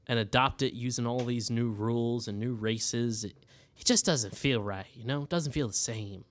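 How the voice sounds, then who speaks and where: A man's voice: medium pitch, natural voice. A man voicing a bald old human farmer in his seventies, with a folksy country drawl and wry, sarcastic asides, during a tabletop game. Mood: grumbling. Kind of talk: tabletop role-play voicing.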